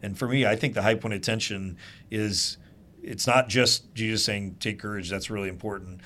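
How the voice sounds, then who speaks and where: A man leading a small group Bible study, telling the story earnestly and lively with asides to the group. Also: fairly low pitch, moderate pace. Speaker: Bible teacher.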